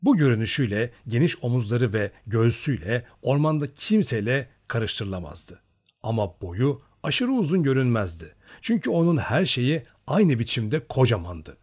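A man reading an audiobook story aloud in a steady storytelling manner. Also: medium pitch, moderate pace, husky. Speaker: narrator. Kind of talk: audiobook narration.

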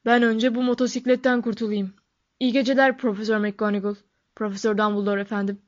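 A woman voicing a huge, soft-hearted male half-giant who speaks loudly, stammers and sobs, in a storybook reading on a dull, lo-fi recording. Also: a little high, fairly even intonation, moderate pace, lightly acted. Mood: choked. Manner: loud, stammering, tearful. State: sobbing.

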